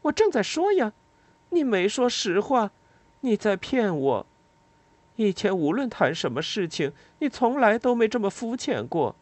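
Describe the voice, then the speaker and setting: A reader voicing a bitter, sharp-tongued adult woman who speaks in cutting, resentful bursts, raised well above the reader's own voice. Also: mid-range voice, very animated, measured pace, no room sound, pitched above the performer's own voice. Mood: accusing. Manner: cutting and resentful, breaking into sobs.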